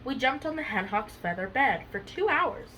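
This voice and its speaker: A woman's voice: fairly high pitch, expressive, normal speed, pushed and bright, a little hiss or hum, poor audio. A young woman reading a children's storybook aloud, chatty, with many fillers between pages. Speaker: storybook reader. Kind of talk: casual chat and read-aloud storytelling.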